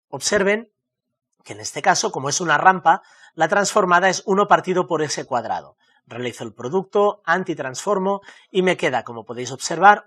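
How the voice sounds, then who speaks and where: Male lecturer from Spain, voice on the higher side, patient and emphatic, walking students through slides. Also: fairly bright tone. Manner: explanatory, emphatic on key words. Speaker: university lecturer. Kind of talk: recorded lecture over slides.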